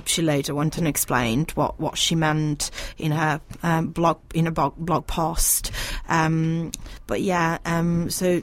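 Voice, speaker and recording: A woman co-hosting a casual radio book discussion, speaking in a hesitant, thoughtful, halting way. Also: low voice. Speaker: radio show co-host. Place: radio studio.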